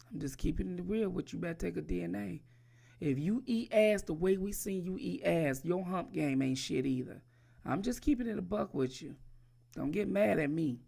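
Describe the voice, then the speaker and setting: Gravelly woman ranting a crude roast. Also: sits low, a little mellow. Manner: taunting, crude, repeats the target's name. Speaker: livestream roaster. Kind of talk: profane mocking roast rant.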